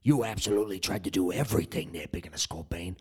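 A man's voice: low voice, fast talker, warm tone, breathy edge. A man co-hosting a podcast, doing an improvised comedy bit with rambling, mock-menacing tough-guy talk. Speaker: podcast co-host.

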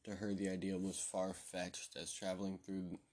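Low-voiced guy reading a horror story, measured, keeps restarting words. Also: completely flat delivery, darkish tone. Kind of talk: scripted horror story narration.

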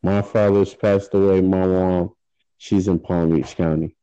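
A man's voice: low voice, steady tone, a little slow, dark tone, clean tone, no echo, lo-fi sound. A man hosting a casual chat with strangers, laid-back and teasing. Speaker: host chatting with strangers.

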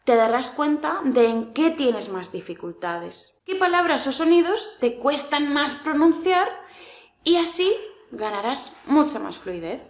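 A woman with a Spain Spanish accent teaches a language lesson, speaking slowly and with care. Her voice sits a little high, and she coaches in a clear, deliberate way. The room around her echoes. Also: sing-song.

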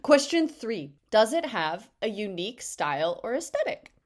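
A woman's voice: medium pitch, sing-song, normal speed. A woman co-hosting a podcast, talking casually and rambling with lots of fillers and self-mocking humor. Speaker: podcast co-host. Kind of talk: casual comedic chat.

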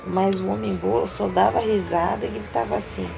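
A woman's voice: medium pitch, steady tone, normal speed, gravelly, mellow, soft background music. A mother reading a children's story aloud to her kids, playful and full of praise.

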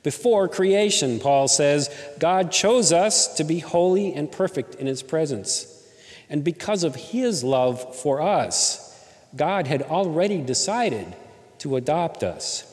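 Male pastor, slightly high voice, chatty sermon delivery with rhetorical questions, long hall reverb. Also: lively intonation, takes it slowly, a little mellow. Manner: conversational preaching with rhetorical questions. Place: church in Southern California.

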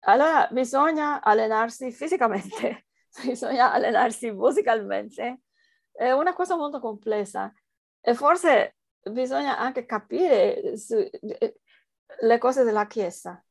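A woman researcher answers interview questions in Italian, which isn't her first language, speaking hesitantly with a foreign accent as she searches for words. Her voice is on the high side and animated yet a little slow, gravelly, with no echo.

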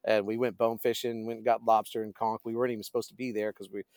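A man's voice: lowish voice, flat delivery, fast, a little mellow, smooth, dry recording, studio quality. A middle-aged man, a pastor and fishing guide, chatting as a podcast guest and often searching for his words. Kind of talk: casual conversational storytelling.

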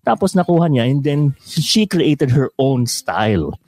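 A man's voice: medium pitch, very animated, measured pace, a little mellow, no room sound. A male host in a casual interview, chatty and laughing often as he reads out viewer questions.

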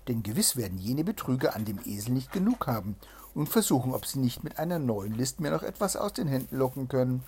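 A reader voicing a simple, easily fooled man who speaks earnestly in a slightly lowered, breathy voice. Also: big pitch swings, brisk, a little mellow.

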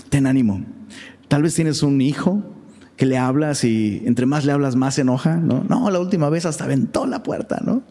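A man's voice: mid-range voice, dark tone, long reverb tail. A man with a Mexican accent teaching a Bible study in a chatty, conversational way, often checking in with rhetorical questions.

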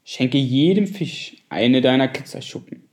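A man voicing a wise old octopus in a storybook reading, speaking in a deep voice, solemn and slow. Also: animated, darkish tone, close to an everyday voice.

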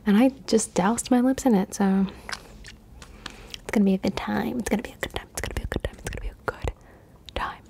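A woman in her twenties from Colombia, whispering in a casual ASMR question-and-answer session, softly repeating words over and over. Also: mid-range voice, steady tone, a little fast, creaky, pauses often. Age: 20s. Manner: casual, swears freely. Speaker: ASMR creator.

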